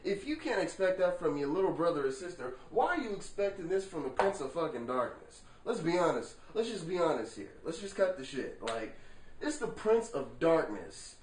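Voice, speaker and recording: Man vlogger, lively swinging delivery, cusses freely, keeps asking "right?"; recorded far from the mic in a roomy space. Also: on the high side, normal speed. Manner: animated, rhetorical, swears freely, asks the viewer "right?". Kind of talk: casual vlog monologue. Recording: echoey room, far from the mic.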